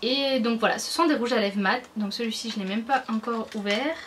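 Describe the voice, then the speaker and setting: A chatty woman beauty vlogger from France, talking through her haul in a slightly high voice. Her speech is casual and enthusiastic, full of fillers and restarts. There is a faint hiss of noise behind her. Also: a little fast, fairly bright tone. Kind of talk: casual haul video chat.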